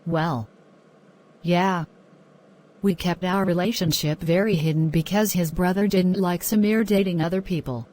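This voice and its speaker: A woman plays a frustrated, hurt girlfriend in a murder mystery film. She gives her statement to police in a somewhat low female voice. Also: steady tone, a little slow, a little mellow, lightly acted. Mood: upset, resentful.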